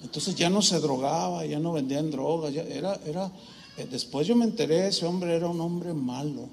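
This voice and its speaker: A man with a Mexican accent, a pastor preaching a sermon in church, telling a personal story in an animated way with humorous asides. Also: on the high side, normal speed, vocal fry, slight background noise.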